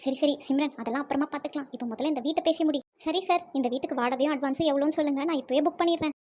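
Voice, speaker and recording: A woman's voice: high-pitched, racing, darkish tone, dull audio, natural voice. Woman doing a fretful, flustered cartoon housewife. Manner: exclaiming, fretful, scolding. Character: flustered thrifty housewife hunting for a flat.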